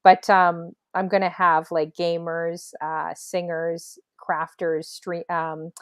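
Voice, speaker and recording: Female host, casual chat, slightly low pitch, energetic and chatty, dry room. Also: no room sound. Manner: chatty, upbeat, quick to laugh.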